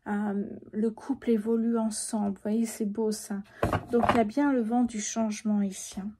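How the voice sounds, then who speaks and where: A woman in her fifties with a sore throat, speaking softly and sometimes whispering as she lays out a tarot reading. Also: mid-range voice, little pitch movement, moderate pace. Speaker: tarot card reader.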